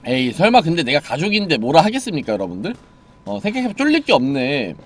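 A man streaming a horror game live, chatting and joking with viewers, dropping to mumbles and then yelling in excitement. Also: on the high side, fast talker.

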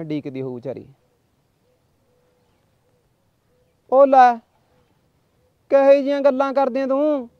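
A man's voice: high-pitched, clean tone, no room sound, lightly acted. A man playing a stalling young farmer in debt. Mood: coaxing. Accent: Punjabi. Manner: pleading, stalling with excuses. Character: young indebted farmer, evasive and pleading. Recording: dull dry lo-fi recording.

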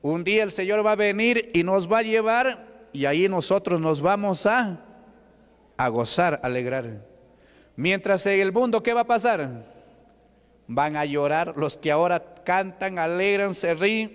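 A man's voice: high-pitched, animated, a little slow, clear, resonant tone. A male pastor preaching a Pentecostal sermon in a church hall, asking the congregation questions. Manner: asks the congregation rhetorical questions. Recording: echoey church hall with long reverb.

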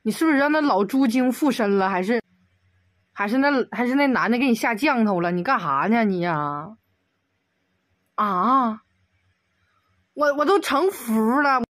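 Woman commentator, comedic exasperated rant, slightly high voice, dry close sound. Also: lively intonation, no echo. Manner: exasperated, rapid rhetorical questions. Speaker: video commentator.

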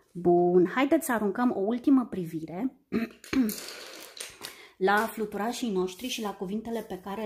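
A woman teaching young children a phonics lesson, sounding out letters and syllables slowly and carefully. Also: medium pitch, darkish tone, husky.

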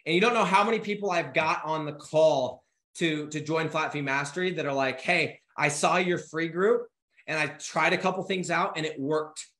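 A man in his thirties giving an energetic, urgent motivational talk to camera from a home office, swearing casually and gesturing as he speaks. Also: on the high side, moderate pace, roomy sound. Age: 30s. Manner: gestures a lot with his hands while talking. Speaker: business coach.

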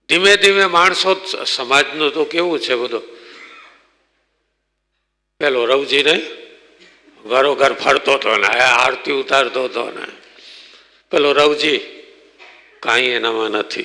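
A man, a swami, telling a religious story in a sermon and acting out the quoted exchanges lively. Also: mid-range voice. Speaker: swami giving a religious discourse. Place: temple hall. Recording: long reverb in a temple hall.

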